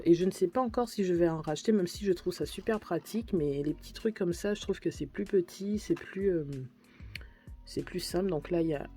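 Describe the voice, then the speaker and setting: A woman vlogger talks through her shopping haul in a relaxed, chatty way, gushing over each item. Her voice is mellow and warm, with soft music playing faintly underneath. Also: on the low side. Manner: chatty and gushing about purchases. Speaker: beauty and lifestyle vlogger. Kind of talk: casual shopping haul vlog.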